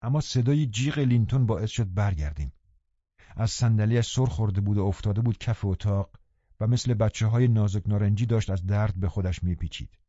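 A man narrating a classic novel in a calm, even storytelling manner. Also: on the low side, no room sound, dull audio. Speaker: audiobook narrator.

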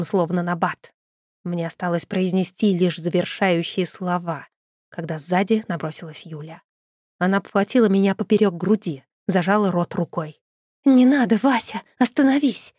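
A woman reading a first-person fantasy audiobook with dramatic, expressive storytelling. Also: on the low side, no room sound, studio quality. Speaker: audiobook narrator.

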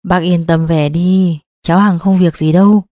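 A woman reading an audiobook, voicing a kind, calm elderly male village scholar who speaks slowly and reassuringly. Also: on the low side, no room sound, clean studio sound, pitched below the performer's own voice, natural voice. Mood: gentle reassurance. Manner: slow, reassuring.

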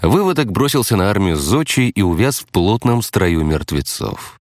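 A man narrating an audiobook in first person with a steady storytelling delivery. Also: lowish voice, normal speed, no room sound, studio quality.

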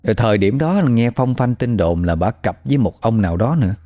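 A man's voice: mid-range voice, lively intonation, fairly quick, warm tone, no echo. A man with a Southern Vietnamese accent telling a spooky folk story in a chatty, gossipy way. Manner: conversational, gossipy retelling.

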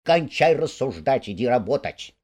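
An excitable, bossy male rat from a storybook, as a man reads him. He stays near the reader's own pitch, but his voice swings widely as he orders his friend about. He sounds brisk and impatient. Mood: excited.

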